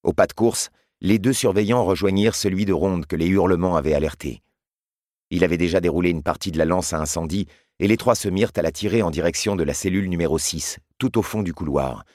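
A man reading a story aloud in a measured, grave way. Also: deep voice, darkish tone, dry recording, clean studio sound. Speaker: narrator. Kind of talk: scripted audiobook narration.

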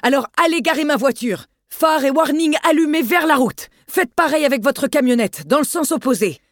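A narrator voicing a male doctor who barks urgent orders at an accident scene, pitched higher and louder than their own reading voice. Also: lively intonation, normal speed, dry recording, clean studio sound, lightly acted. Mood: commanding. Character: authoritative male doctor taking charge.

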